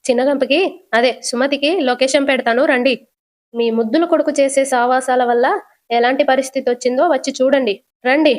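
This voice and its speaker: Wisecracking young son-in-law, reassuring, high and light as voiced by a woman narrator. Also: steady tone, brisk, lightly acted. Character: young adult man, quick-tongued joking son-in-law.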